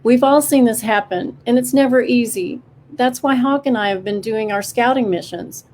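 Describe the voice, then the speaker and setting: A kindly owl chairing a meeting of animals, voiced by a woman reader speaks in a calm, measured way. His voice rides a little above her narrating tone. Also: on the high side, a little hiss or hum, pitched above the performer's own voice, close to an everyday voice. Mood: steady. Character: wise male owl leading a forest council. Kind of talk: storybook character voice.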